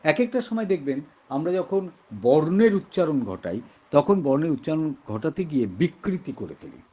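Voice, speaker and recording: In an online exam-prep lesson, a man with a West Bengal Bengali accent teaches at a normal speed. His fairly high, slightly husky voice rises and falls lively as he explains, and he repeats example words again and again to show how they're pronounced.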